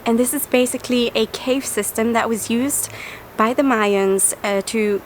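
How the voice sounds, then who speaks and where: A woman's voice: fairly high pitch, measured pace, a little hiss or hum. A woman narrating a travel vlog, chatty and enthusiastic as she explains and recaps her experiences. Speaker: travel vlogger.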